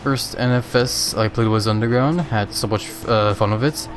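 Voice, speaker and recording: A man's voice: mid-range voice, normal speed, faint music behind. A man casually chatting with viewers while playing a racing game on a live stream, laid-back and laughing often.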